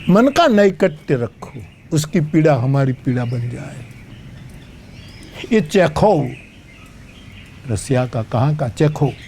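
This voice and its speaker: An older man delivers a devotional talk at an unhurried pace, his voice a touch high but mellow and soft. He tells stories and slips into sung verses. Faint birdsong drifts in from the open air around him. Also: big pitch swings, slight background noise. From Gujarat, India. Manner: slow, measured storytelling with sung verses. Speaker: spiritual storyteller. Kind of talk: devotional discourse.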